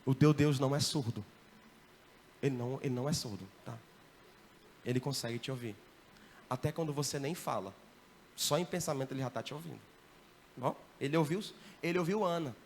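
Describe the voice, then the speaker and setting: A man, a missionary giving a lively church training talk and often checking in with the audience. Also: medium pitch, moderate pace, pauses often, slight background noise. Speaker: missionary teaching evangelism. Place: church hall.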